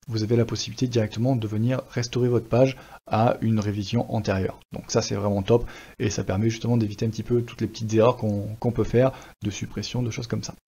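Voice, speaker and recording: Relaxed French man walking through a tutorial. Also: mid-range voice. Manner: relaxed, chatty, many fillers and restarts. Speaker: WordPress tutorial presenter. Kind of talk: casual screen-recorded tutorial. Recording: slightly dull lo-fi sound.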